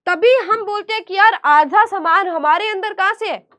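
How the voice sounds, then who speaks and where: A woman teacher delivers an online lecture in an extremely high-pitched, sharp voice. Going slowly and deliberately, she asks questions and then coaxes the listener along by answering them herself.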